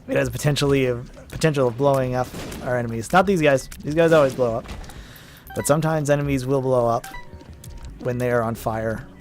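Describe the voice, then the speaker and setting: A man's voice: medium pitch, creaky. A man casually commenting on his own gameplay as a let's play host, rambling with self-deprecating asides.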